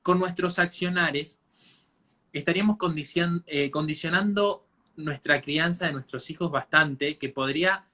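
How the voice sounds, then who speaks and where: A man hosting a live interview who asks his questions hesitantly, with many pauses. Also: on the high side, sharp tone. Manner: hesitant, many fillers and restarts. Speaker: host.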